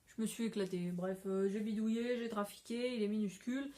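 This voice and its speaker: A woman's voice: medium pitch, a little fast, warm tone. Chatty woman vlogging about crafts. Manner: chatty, rambling, laughs often. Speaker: craft podcaster. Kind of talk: casual chat to camera. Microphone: phone camera.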